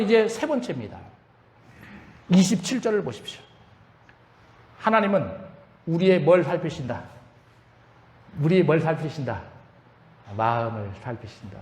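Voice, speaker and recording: Animated pastor preaching in echoey church. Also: male voice, a little high. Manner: asks the congregation questions, rising to shouts in quotes. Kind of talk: sermon. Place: church sanctuary. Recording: echoey church hall reverb.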